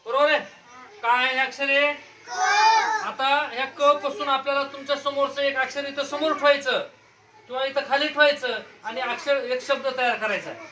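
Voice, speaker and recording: Woman teacher quizzing small kids over and over, kinda high voice, recorded from across a noisy room. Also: steady tone, moderate pace. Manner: patient, repeatedly prompts small children with questions. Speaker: primary school teacher. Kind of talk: classroom word-game lesson. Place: rural school classroom. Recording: noisy classroom recorded from a distance.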